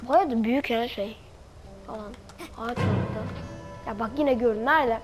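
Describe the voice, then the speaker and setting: A woman giving casual let's-play commentary over faint game music, excitable and yelling at enemies with playful slang. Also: a little high, moderate pace. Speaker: gamer.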